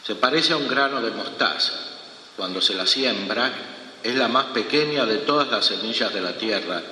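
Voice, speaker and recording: Spanish priest, measured and unhurried homily, cathedral echo, faint hum under it. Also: male voice, fairly low pitch, sharp tone. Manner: slow, measured delivery with long pauses. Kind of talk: reading the Gospel and preaching a homily. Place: large church. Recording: long echoing church reverb, faint room hum.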